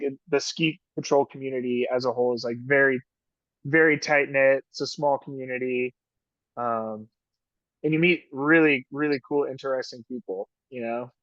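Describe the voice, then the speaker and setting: A man's voice: mid-range voice, steady tone, normal speed, no echo. Guy rambling w lots of "like"s, dry muffled call audio. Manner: rambling, filler-heavy, frequent "like", laughs often. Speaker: ski patroller and union officer. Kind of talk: casual interview chat.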